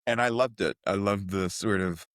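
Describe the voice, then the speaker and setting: A middle-aged man from New City, telling stories as a podcast guest in a rambling, animated way full of fillers. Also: fairly low pitch, moderate pace, clear, resonant tone, no room sound, clean studio sound. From New York City (Queens). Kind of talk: casual storytelling interview.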